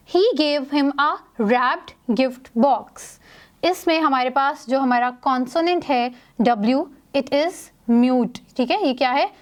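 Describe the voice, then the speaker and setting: Female teacher, high voice, patient classroom explainer, slow example sentences. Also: darkish tone. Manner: explains in Urdu with English terms, slow read-out examples. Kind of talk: grammar lesson.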